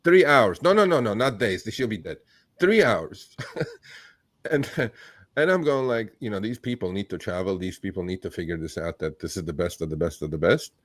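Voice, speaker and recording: A man born in Turkey, hosting a live chat, talking bluntly and with profanity, telling animated stories. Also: on the low side, moderate pace, no echo, clean studio sound. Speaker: host. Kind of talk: casual livestream chat.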